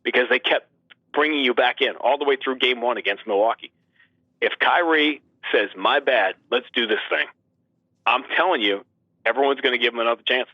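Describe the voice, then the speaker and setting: This sports announcer, a man, is an emphatic, spirited guest on a basketball segment who leans heavily on rhetorical questions. He speaks at medium pitch and normal speed, and the recording is dry, heard over a muffled radio-like line.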